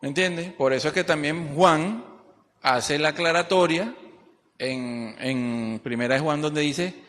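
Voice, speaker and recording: A man preaching in a church, his somewhat high voice ringing with long reverb through the hall. He talks in animated bursts, acting out the voices he quotes and stopping now and then to hunt for the right word. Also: a little slow. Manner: searching for words mid-sentence. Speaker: pastor. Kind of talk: sermon. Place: church service.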